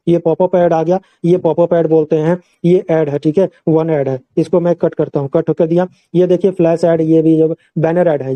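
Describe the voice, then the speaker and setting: A man's voice: fairly high pitch, mellow, no echo. Man explaining step by step, dry close sound. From India. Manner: repetitive, explains step by step with many fillers. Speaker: online earning plan presenter. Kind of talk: screen-share walkthrough.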